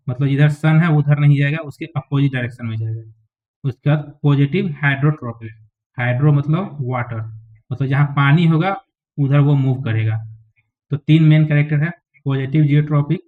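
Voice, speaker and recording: A man teaching a biology lesson, explaining diagrams step by step and often checking that his students follow. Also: a little high. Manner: explains step by step, often checks with "ठीक है" and "समझ में आ गया?". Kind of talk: classroom lecture explaining diagrams. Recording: tinny phone-like lo-fi recording.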